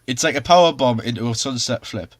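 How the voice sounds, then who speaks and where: A man's voice: mid-range voice, fairly quick. A man with a Geordie accent, a semi-pro wrestler, talking earnestly in casual chat with many restarts. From Newcastle upon Tyne, England.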